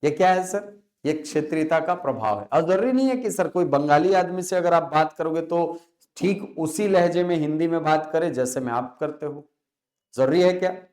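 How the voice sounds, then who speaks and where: A man teaching a classroom lecture. He asks questions, answers them himself, and repeats key words slowly to stress them. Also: on the high side, lively intonation, a little mellow.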